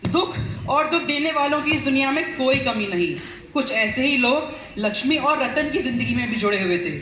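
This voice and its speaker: A man narrating a stage play, slow and dramatic, with a very high, bright voice. His words ring around an echoey stage hall, with faint noise underneath.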